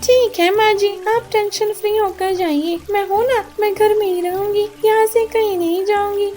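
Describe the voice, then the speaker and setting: Squeaky young daughter-in-law. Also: female voice, steady tone, moderate pace, darkish tone, faint music behind. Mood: sweetly innocent. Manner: sweet, high, childlike pleading.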